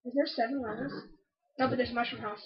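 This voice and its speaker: A woman's voice: fairly high pitch, steady tone, fast talker, creaky, lo-fi sound. A woman chatting casually as she plays along in a video game. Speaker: gaming co-player. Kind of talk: casual chat while gaming.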